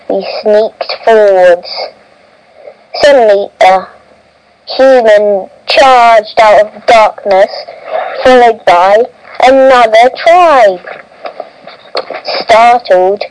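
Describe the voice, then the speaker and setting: A woman reading a first-person adventure story aloud, halting often and correcting herself as she goes. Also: medium pitch, slight background noise, poor audio. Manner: halting reading with frequent restarts and self-corrections.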